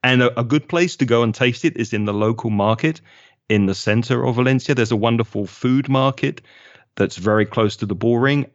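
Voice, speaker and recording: A local resident with a London English accent and a lowish voice appears as an interview guest, chatting casually and enthusiastically while spelling out names as he goes. The recording is dry, with the highs cut off.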